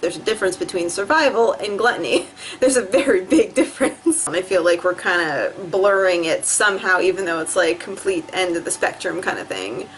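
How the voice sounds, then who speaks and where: A woman's voice: fairly low pitch, expressive, moderate pace, slight background noise. A young woman from New Jersey talking to her camera at home in a rambling, profane vlog, laughing often and acting out her own quotes. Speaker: vlogger. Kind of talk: rambling personal vlog monologue. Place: indoors at home. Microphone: camera facing the speaker.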